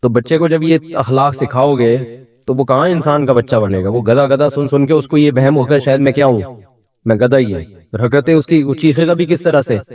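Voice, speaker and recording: A middle-aged man giving a conversational religious lecture with humor, asking his listeners questions and acting out quoted voices. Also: medium pitch. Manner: animated, humorous, asks the audience questions; acts out quoted voices within the talk. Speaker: Islamic scholar giving a talk.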